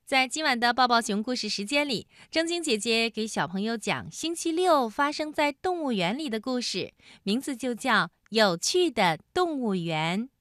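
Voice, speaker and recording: A woman's voice: a little high, very animated, moderate pace, hardly any pauses, a bit bright, dry recording. A woman narrates a scripted bedtime story expressively for young children. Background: children's background music.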